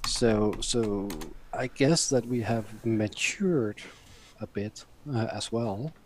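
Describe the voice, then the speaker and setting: A man on a casual panel chat, talking in a hesitant, thoughtful, halting way. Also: on the low side, a little hiss or hum. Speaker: show panelist.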